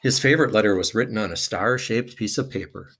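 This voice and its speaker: A man's voice: lowish voice, fairly quick, fairly bright tone. A man reading a children's picture book aloud expressively, with dramatic emphasis.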